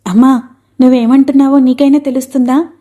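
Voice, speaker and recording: This is a spoken storybook voice for a young son, as a woman narrator puts him on. He is shaken but earnest, reasoning and pleading. The tone is mellow and soft. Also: high voice, little pitch movement, a little fast.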